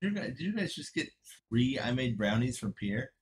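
A man's voice: medium pitch, very animated, normal speed, slight background noise. Rambling man chatting on a podcast. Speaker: podcast co-host. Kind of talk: casual chat.

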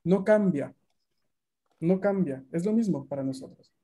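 Latin american guy teaching a class on a video call, kinda high voice, dark tone, keeps asking if everyone gets it. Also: expressive, measured pace. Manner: explanatory, frequent checks with students. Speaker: language teacher.

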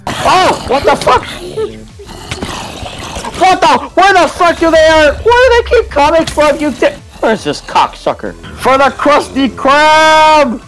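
A man's voice: very high voice, very animated, unhurried, a bit bright, faint music behind, rough recording. A young man gaming with friends in a panicking manner, screaming and swearing. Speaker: gamer. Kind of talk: casual gaming chat with friends.

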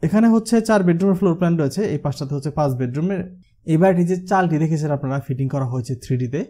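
A man from Bangladesh talks quickly through the rooms of a house design, the way a designer explains his own plan. His voice sits a bit high but sounds mellow, and he keeps coming back to the same filler word. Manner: walkthrough explanation with the filler হচ্ছে used often.

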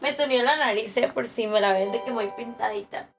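A young Mexican woman with a high, light voice hosts a relaxed live stream. She chats casually and greets each viewer by name, often breaking into easy laughter. She speaks close to her phone camera, indoors at home. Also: fairly quick, soft background music. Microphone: phone camera held close.

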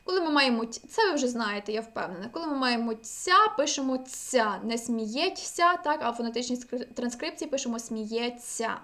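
A woman language teacher giving an online exam-prep lecture, energetic and often checking in with her students. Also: on the high side, fast, few pauses.

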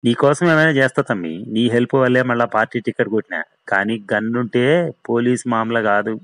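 A man voicing a gruff middle-aged male politician with a Telangana Telugu accent, speaking bluntly. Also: mid-range voice, fairly quick, fairly bright tone, no echo, close to an everyday voice. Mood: doubtful.

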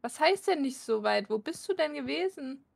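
Woman streamer, higher gravelly voice, frustrated casual banter while gaming. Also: animated, normal speed. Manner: exasperated, swearing, laughing.

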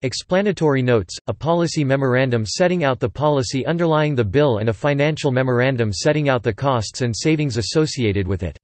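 A computer-generated man reads an encyclopedia article aloud at an even, steady clip. His voice sits at a middling pitch and the sound is bone-dry, with no room around it. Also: brisk, few pauses, no echo. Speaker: text-to-speech reader. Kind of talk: synthetic article narration.

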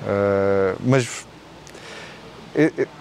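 Speaking very slowly in a fairly low, slightly mellow voice, a Portuguese-accented rally rider in his forties earnestly answers interview questions, often restarting and repeating words while searching for phrases. The guest, from Portugal, sits in an outdoor courtyard with artificial grass, with slight background noise present.

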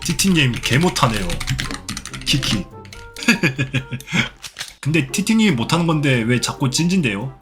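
A man's voice: mid-range voice, lively intonation, takes it slowly, music in the background. A young man streaming a game, scolding and mocking a rude player with sarcasm and the odd swear word. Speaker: Roblox streamer. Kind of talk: live gameplay commentary.

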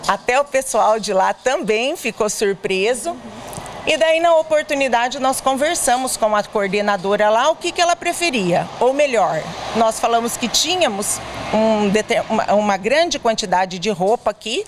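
Speaking into a handheld reporter mic, a middle-aged woman volunteer explains things earnestly, with frequent hesitations, in an on-camera interview at an indoor charity clothing bazaar. Her voice is a little high and expressive, at a moderate pace, and there's a little hiss or hum.

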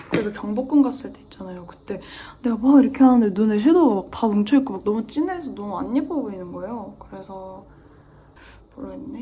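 A woman's voice: on the high side, warm tone, slight background noise. A young woman doing her makeup on camera, chatting nonstop and talking to herself, sometimes dropping to a near-whisper while she concentrates. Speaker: beauty vlogger. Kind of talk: chatty get-ready-with-me makeup vlog.

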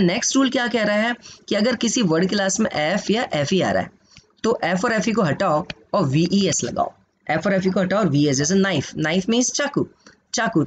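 Man, Indian accent, English teacher, online class lecture, dull lo-fi audio. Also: high voice. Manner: lively, quizzing students, switching between Hindi and English. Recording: dull lo-fi sound with faint noise.

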